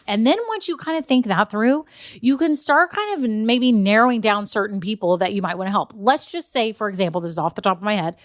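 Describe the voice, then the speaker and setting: A woman's voice: mid-range voice, dry recording, studio quality. A woman, hosting a casual solo podcast, chatty and encouraging with frequent asides. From Texas. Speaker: podcast host.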